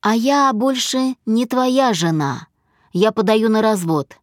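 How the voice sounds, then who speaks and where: A woman's voice: a little high, slow, dry recording, studio quality. A woman voicing a young wife who answers her husband tensely and defiantly.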